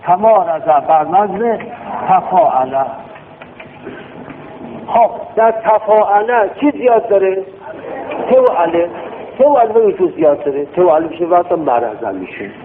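A man's voice: sits high, animated, noisy background. A man teaching a classroom grammar lesson, drilling words and quizzing his class. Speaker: religious studies teacher. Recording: tinny phone-like lo-fi recording.

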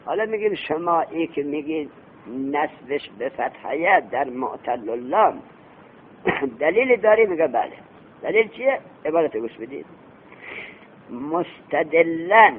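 A man teaching Arabic grammar in a classroom lecture. He quizzes his students with questions he answers himself and chants the Arabic text slowly before explaining it. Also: on the high side, big pitch swings. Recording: tinny phone-like recording with faint hiss.

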